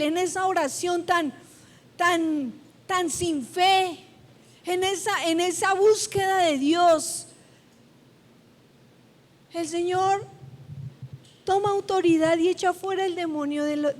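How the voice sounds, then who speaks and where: A woman's voice: very high-pitched, slow pace, pauses often. A woman pastor preaching a sermon in a church, emphatic and repetitive, drawing out her phrases. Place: church sanctuary. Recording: long church-hall reverb.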